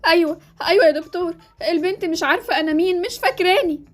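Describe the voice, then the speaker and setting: A woman's voice: very high-pitched, rapid-fire, faint music behind. A woman voicing an anxious, doting mother with an Egyptian accent, who fusses and pleads in a Roblox series. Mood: frantic. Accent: Egyptian Arabic. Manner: frantic, pleading.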